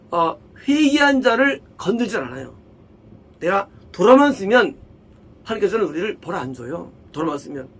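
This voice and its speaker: A middle-aged man preaching a sermon with emphatic, questioning delivery. His voice sits fairly high with a husky, breathy edge. He keeps throwing rhetorical questions at his listeners. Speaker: pastor.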